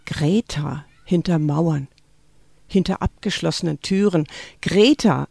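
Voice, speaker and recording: A woman's voice: sits low, takes it slowly, gravelly, slightly rough, no echo. A woman author who reads her novel aloud expressively and then answers questions in a thoughtful, hesitant way. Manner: expressive reading, thoughtful with fillers when talking.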